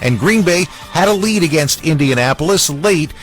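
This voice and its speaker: Male highlight-show host, higher voice, emphatic scripted recaps, light music bed. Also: expressive, moderate pace, a bit bright. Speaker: sports radio host.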